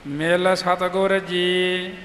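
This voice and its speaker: Slow flat-chanting man, high voice. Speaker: student reciting scripture. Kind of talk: slow chanted scripture recitation. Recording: echoey room with faint music.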